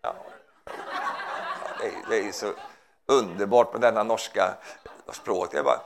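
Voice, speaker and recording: A man preaching informally, fervent and rambling, who peppers his talk with hallelujahs and amens. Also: on the low side. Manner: rambling, with frequent restarts and asides.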